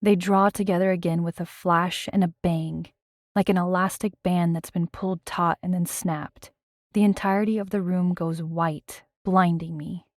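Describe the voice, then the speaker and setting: Woman reading a tense first-person audiobook, kinda low voice, super dry close mic. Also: steady tone, moderate pace, no room sound. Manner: tense, dramatic storytelling. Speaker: audiobook narrator.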